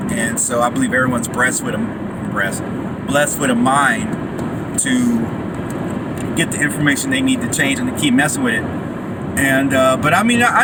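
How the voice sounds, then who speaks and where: A man talking casually and encouragingly to his vlog audience while out running, in loose broken phrases. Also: mid-range voice. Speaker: vlogger. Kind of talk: casual motivational monologue to camera. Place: outdoors by a road. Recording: loud outdoor street and traffic noise.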